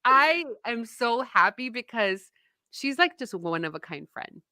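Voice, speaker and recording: A woman in her thirties hosting a podcast, animated and laughing as she tells stories. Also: on the high side, measured pace, no echo, clean studio sound. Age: 30s. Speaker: podcast host and founder. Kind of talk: casual podcast chat.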